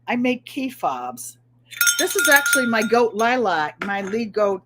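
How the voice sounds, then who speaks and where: A middle-aged woman with a nasal New England twang runs a live crafting chat, speaking easily and unhurriedly in a slightly high voice. Between demonstrations she calls out to viewers by name, and she's very animated and very noisy.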